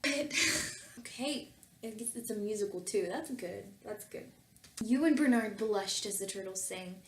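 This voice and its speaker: A woman of medium pitch reads fan fiction aloud at a measured pace, commenting casually with a mock-earnest, tongue-in-cheek air. The recording has a roomy echo and background music.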